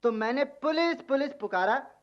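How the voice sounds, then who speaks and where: A passerby giving witness. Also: male voice, very high voice, expressive, moderate pace. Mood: recounting. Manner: recounting, mimicking cries. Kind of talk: radio play acting. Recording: lo-fi old radio recording.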